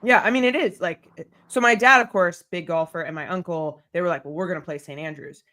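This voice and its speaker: A woman's voice: on the low side, quick pace, pushed and bright. Chatty woman podcast host telling stories. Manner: rambling storyteller, many fillers and giggles. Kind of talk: casual podcast chat.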